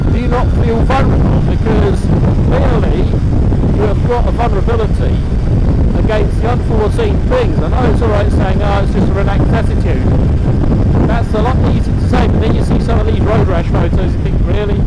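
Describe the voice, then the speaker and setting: A British man chatting casually and reflectively inside a helmet while riding a motorbike, as a vlogger thinking aloud. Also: high voice. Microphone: microphone inside helmet. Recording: muffled helmet audio, loud wind and engine noise.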